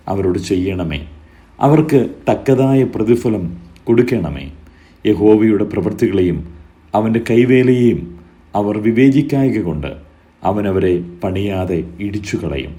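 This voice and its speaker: A man giving a solemn scripture reading, measured and phrase by phrase, lifting his voice on each invocation. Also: on the low side, warm tone. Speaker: scripture reader.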